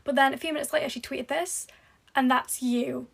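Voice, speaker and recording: A young woman excitedly gushing through a storytime with many fillers. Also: high voice, normal speed, vocal fry. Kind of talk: storytime video to camera.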